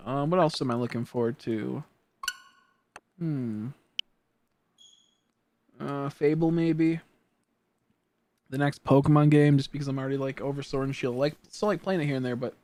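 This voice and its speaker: Teen guy streaming a game, just rambling n mumbling, mid pitched voice, super dry mic. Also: darkish tone, dry recording. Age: teens. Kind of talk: casual chat while gaming.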